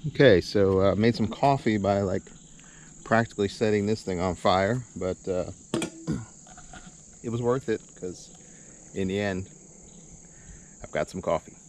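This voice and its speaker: With long pauses and a measured pace, a channel host narrates his casual camping vlog outdoors at a campsite in a lowish voice. He rambles and hesitates, chuckling easily, while outdoor background noise fills the recording.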